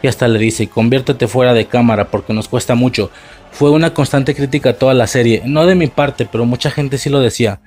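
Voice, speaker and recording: A man's voice: medium pitch, fairly quick, darkish tone. Profane ranting Mexican man. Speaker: video reviewer. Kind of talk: casual review rant.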